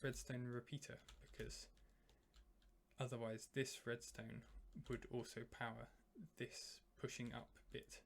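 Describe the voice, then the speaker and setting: A man with a strained, worn-out voice explaining a game build step by step, in halting phrases with pauses. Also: mid-range voice, flat delivery, vocal fry, a little hiss or hum. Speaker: tutorial maker.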